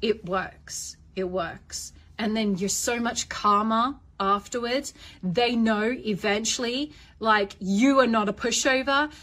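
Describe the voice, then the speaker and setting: A woman's voice: fairly high pitch, slow pace, a bit bright. A woman coaching parents in an instructional talk, firm and direct, repeating key points for emphasis.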